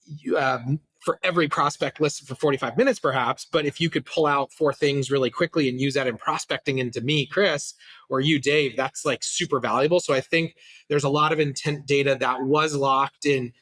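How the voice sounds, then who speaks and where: A man's voice: medium pitch, fairly even intonation, a little fast, a bit bright. Casual male CEO guest, filler-heavy. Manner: casual, many fillers and restarts. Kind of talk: business podcast interview.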